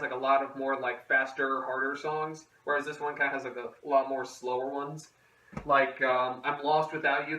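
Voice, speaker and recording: Young guy rambling casually for his vlog, kinda high voice, really echoey room, mic sounds far off. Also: fairly bright tone. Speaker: host of a music collection video series. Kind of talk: casual vlog chat to camera.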